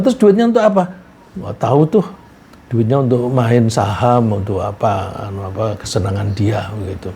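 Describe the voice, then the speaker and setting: A man giving a religious lecture, reciting Arabic verses and explaining them in a relaxed, conversational way with anecdotes. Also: mid-range voice, a little hiss or hum. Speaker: Islamic preacher.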